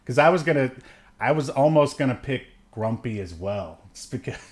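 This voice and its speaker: A man in roughly his thirties or forties, with an expressive mid-range voice and a moderate pace, co-hosts a podcast as a film reviewer. He jokes around and wanders through his thoughts in casual, unscripted movie talk.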